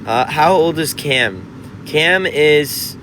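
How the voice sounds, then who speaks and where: A man's voice: fairly high pitch, lively intonation, extremely slow, fairly bright tone, a little hiss or hum. A man in his twenties, a musician chatting casually on a livestream, reading out comments and rambling with frequent restarts. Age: 20s.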